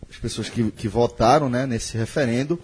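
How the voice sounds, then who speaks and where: A man's voice: medium pitch, moderate pace, a little mellow, slightly rough. A man hosting a casual podcast, explaining the topic at length and often tagging his sentences with short questions. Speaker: podcast host.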